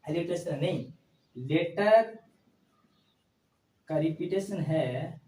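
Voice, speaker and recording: A man with a rather high, mellow voice speaks very slowly and sounds distant from the microphone in an echoey room. He's a teacher giving a grammar lesson, repeatedly posing questions about his phrases and answering them himself in a call-and-response pattern.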